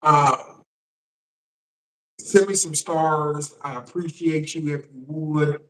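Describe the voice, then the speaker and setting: Male shock jock livestream host, slightly high voice, halting casual commentary with repeated words, recorded at a distance from the mic. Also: fairly even intonation, sharp tone. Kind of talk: live political commentary, casual address to viewers. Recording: roomy echo, distant microphone.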